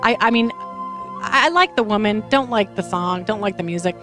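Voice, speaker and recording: A woman hosting a talk show chats casually through a news story, telling it with lots of emotion and frequently restarting sentences. Her voice is medium-pitched at a moderate pace, with music playing in the background.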